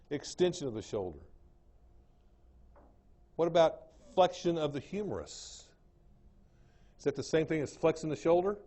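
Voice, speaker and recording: A fairly high-voiced man with an East Texas drawl gives a classroom lecture. He repeats each term and keeps asking the room whether it makes sense. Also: mellow. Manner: drawling, repeats terms, checks understanding with the class. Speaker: anatomy lecturer.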